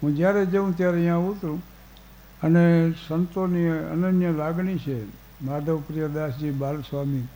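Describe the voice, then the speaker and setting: A man's voice: fairly high pitch, steady tone, moderate pace, mellow, low-quality recording. An older man from Gujarat, telling folksy, humorous stories on stage and working in lines of verse. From Gujarat, India. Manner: folksy, anecdotal, quotes verse. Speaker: storyteller on stage. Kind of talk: humorous storytelling to a live audience.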